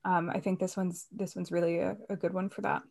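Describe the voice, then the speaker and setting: A woman's voice: fairly low pitch, little pitch movement, fairly quick, vocal fry, a little mellow. A woman in casual conversation about a film, chatty and loose, with many fillers and restarts.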